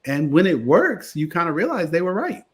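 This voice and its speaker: A man from Connecticut, a guest attorney and theater producer, telling stories in a casual interview with animated delivery. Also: a little high, moderate pace. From Connecticut, USA. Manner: animated storyteller, lively voices in anecdotes.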